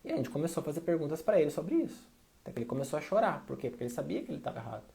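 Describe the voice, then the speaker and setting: Man from Brazil, warm low-key tone, chatty parenting advice, keeps checking the listener follows. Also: sing-song, rapid-fire, vocal fry. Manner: conversational, checks in with frequent tag questions. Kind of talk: direct-to-camera advice talk.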